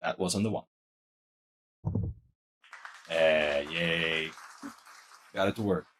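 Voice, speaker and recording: A man hosting a casual unboxing vlog, chatting in a relaxed way and thinking aloud as he tests his microphone setup. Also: low-pitched, very slow, a little hiss or hum, rough recording. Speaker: channel host. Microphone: podcast mixer microphone.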